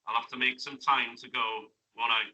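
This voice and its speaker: A man's voice: mid-range voice, level tone, a little fast, pushed and bright, poor audio. A man, chatting as an interview guest and asking friendly tag questions. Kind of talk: casual interview chat. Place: classroom radio studio.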